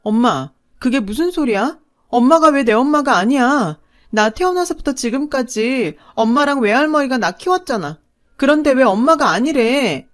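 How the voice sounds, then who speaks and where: A woman's voice: fairly high pitch, sing-song, measured pace, few pauses, no echo, studio quality, soft background music. A woman voicing a hurt, defiant young daughter. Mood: upset, pleading. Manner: pleading, shouting back, tearful.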